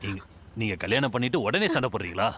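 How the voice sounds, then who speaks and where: An actor playing a gruff middle-aged policeman who talks bluntly and scolds. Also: lowish voice, expressive, fast, a bit bright, a little hiss or hum. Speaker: police officer.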